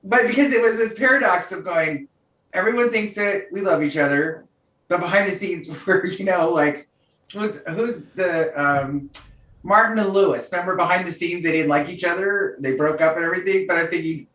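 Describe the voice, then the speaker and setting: Her lowish voice moving at a moderate pace, a woman co-hosts a casual podcast and tells a lively story punctuated by plenty of laughter. The mic sounds far away in a roomy space.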